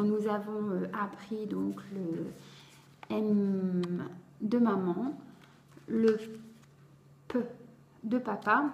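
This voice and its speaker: A woman tutor explaining how to teach a child to read syllables, sounding each one out slowly and clearly and praising often. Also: medium pitch, slight background noise. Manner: slow, carefully articulated syllables, encouraging. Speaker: reading tutor for young children. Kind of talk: instructional video explaining phonics. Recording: roomy echo.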